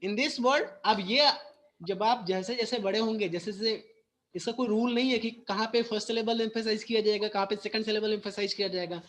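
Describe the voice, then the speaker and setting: Indian English teacher explaining patiently. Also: male voice, high voice, fairly bright tone. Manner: switches between Hindi and English, slow and deliberate explanations. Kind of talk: bilingual classroom teaching. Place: school classroom.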